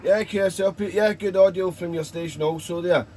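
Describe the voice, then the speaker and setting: A British man with a slightly high voice works as a radio operator on air. He rambles chattily in casual operator jargon, with faint noise behind him. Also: steady tone, a little fast, a little mellow.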